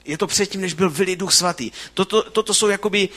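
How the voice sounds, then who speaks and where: Male preacher, sermon delivery, animated and fervent, bright tone, restarts mid-phrase. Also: sits high.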